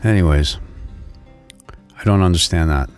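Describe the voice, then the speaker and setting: A man in a casual faith discussion, animated, repeating himself and laughing often. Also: low voice, normal speed, faint music behind. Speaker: co-host.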